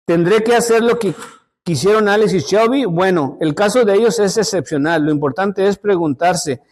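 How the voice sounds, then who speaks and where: A man with a high voice teaches a Sunday school lesson. He tells stories in an unpolished way, often repeating words and restarting phrases, and calls his listeners brothers. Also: normal speed, a little mellow. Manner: storytelling, addresses listeners as brothers.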